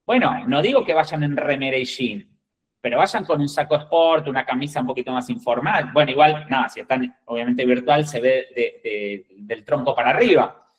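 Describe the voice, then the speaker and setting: Un hombre con acento argentino, reclutador de ejecutivos, da una charla instructiva a candidatos con tono directo y enfático, y comprueba a menudo con "¿bien?" que le siguen. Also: male voice, medium pitch, normal speed, rough recording. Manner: direct, emphatic, checks in with "¿bien?" and "¿ok?". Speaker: executive recruiter. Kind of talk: instructive talk to job candidates.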